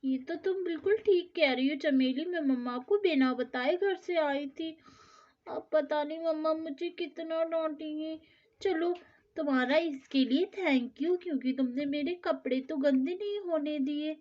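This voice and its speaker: A woman doing a lisping, high little girl. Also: unhurried. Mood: grateful. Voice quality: childlike lisp. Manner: whiny, pleading. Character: little girl Sona, timid, pleading, easily scolded. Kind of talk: storybook doll-play acting. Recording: dull lo-fi sound.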